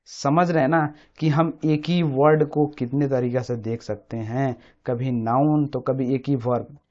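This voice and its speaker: A man's voice: mid-range voice, steady tone, a little slow, darkish tone. A man teaching an English grammar lesson. He explains step by step, repeats key words again and again, and keeps checking that the listener is following. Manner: repeats key words often, asks the listener "samajh rahe hain na?". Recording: dull lo-fi recording.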